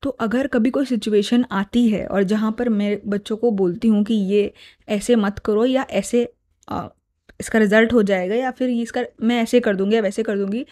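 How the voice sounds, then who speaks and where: Talking to camera through a clip-on mic, a woman in her thirties shares parenting advice as a mother, shifting between Hindi and English. She explains earnestly at a moderate pace. Her voice is fairly high, steady, and dark in tone.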